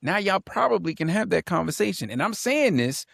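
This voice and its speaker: A man's voice: high voice, very animated, a little fast, vocal fry, fairly bright tone, no room sound, studio quality. A man co-hosting a casual podcast panel, talking emphatically, repeating lines for punch and reading viewer comments aloud. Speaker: podcast co-host.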